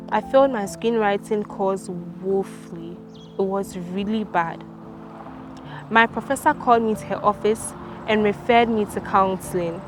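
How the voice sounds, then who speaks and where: Woman reading her novel, music behind. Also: mid-range voice. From Ghana. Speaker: author. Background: background music.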